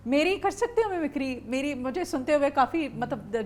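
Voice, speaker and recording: Higher-voiced woman show host. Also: animated, a little hiss or hum. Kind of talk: TV talk show interview.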